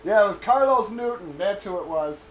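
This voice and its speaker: A man with a high-set voice chats loosely and profanely, stalling and circling back as he hunts for a name. He sounds like he is in an echoey room. A faint hum of ambience sits underneath. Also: animated, a little fast, a bit bright. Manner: profane, storytelling, trails off searching for names. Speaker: streamer. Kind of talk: casual rambling chat.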